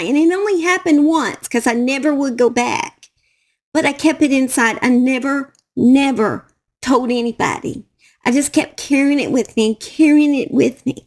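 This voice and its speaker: A middle-aged true crime YouTuber from the Southern United States, with a Southern US accent and a somewhat high voice, tells her own story to camera. Her delivery is halting and emotional, circling back over the same phrases.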